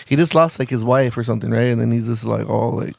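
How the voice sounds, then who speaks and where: A man's voice: medium pitch, fast talker, creaky, darkish tone, no room sound, studio quality. A married man co-hosting a podcast, chatting casually and rambling with many "like"s and restarts. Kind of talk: casual chat.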